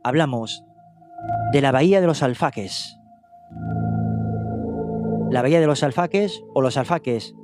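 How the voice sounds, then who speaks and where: His intonation is lively, though his mid-range voice keeps a measured pace broken by long pauses. A man from Spain outside Catalonia, he narrates a true-crime case like a documentary, reading steadily with small hesitations and self-corrections against background music.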